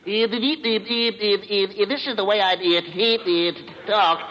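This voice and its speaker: A man's voice: high voice, moderate pace, lightly acted. A man doing a stammering cartoon pig. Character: stuttering cartoon pig and wisecracking rabbit. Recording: dull 1940s radio broadcast.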